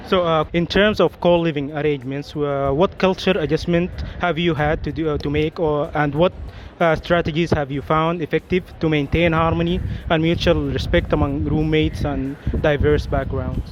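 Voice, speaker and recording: A young man asks long questions hesitantly in a fairly high voice. The sound is dull and muffled, with faint noise behind it. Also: fairly even intonation, normal speed. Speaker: interviewer.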